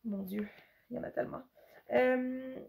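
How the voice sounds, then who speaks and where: Quebec french mom, hoarse gravelly voice, rambly casual book review, drops in english words. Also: female voice, a little high, steady tone, moderate pace, darkish tone. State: hoarse, with a cough. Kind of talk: casual unscripted review to camera.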